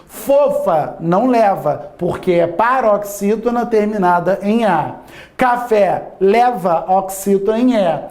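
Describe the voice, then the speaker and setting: A man's voice: sits high, expressive, slow, a little mellow. A man teaching a Portuguese grammar lesson, constantly asking his listeners rhetorical yes-or-no questions and stretching out key words for emphasis.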